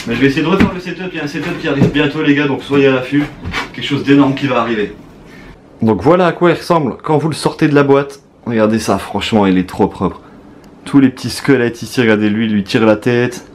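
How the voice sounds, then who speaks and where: Young French-accented male YouTuber, casual and excitable, mid-pitched, with faint noise behind. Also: fast talker. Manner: chatty, excited, talks to viewers. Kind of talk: casual unboxing commentary.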